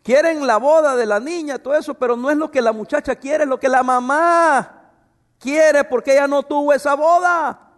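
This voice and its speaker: A middle-aged man preaching a sermon as a pastor, animated, with humorous asides to the congregation. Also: extremely high pitch, moderate pace. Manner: animated, acts out voices in quotes. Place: church hall. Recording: long hall reverb.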